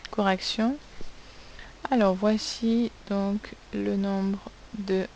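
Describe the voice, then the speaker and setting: A woman's voice: mid-range voice, level tone, very slow, darkish tone, a little hiss or hum, poor audio. A woman teacher giving a recorded spelling lesson to children, patiently spelling words out sound by sound. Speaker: primary school teacher.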